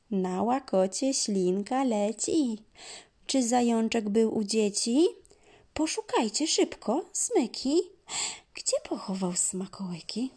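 A woman reading children's rhymes aloud in an expressive, sing-song way, sometimes dropping to a whisper. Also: on the high side. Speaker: storyteller.

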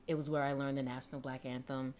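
A woman speaking as an interview guest, telling personal stories in an expressive, casual way. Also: rumbling low, fast, background noise. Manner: expressive, acts out quoted remarks. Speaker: guest, stage performer.

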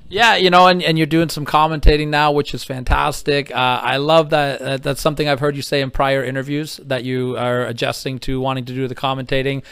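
A man's voice: medium pitch, flat delivery, fairly quick, hardly any pauses, fairly bright tone, clean tone, dry recording, clean studio sound. A man interviewing a guest in a casual, enthusiastic, fan-like way.

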